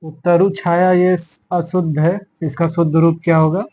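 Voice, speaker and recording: A man's voice: a little high, level tone, mellow, a little hiss or hum, low-quality recording. A man teaching a Hindi grammar class for exam preparation, explaining spellings word by word and often checking in with his students. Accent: Hindi, Uttar Pradesh. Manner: slow, explaining words one by one with repeated "theek hai". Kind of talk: exam-prep lesson.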